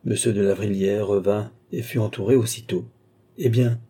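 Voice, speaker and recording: A man reading a classic novel aloud as an audiobook narrator, lifting his pitch to voice the characters' dialogue. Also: fairly even intonation, a little fast, warm tone. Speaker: audiobook reader.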